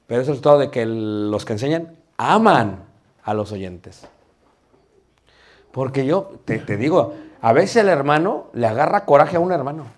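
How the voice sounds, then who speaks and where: A man teaches a homiletics class to a church group. He talks in a lively, joking way and keeps calling his listeners brothers and sisters. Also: on the high side. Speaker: preaching instructor.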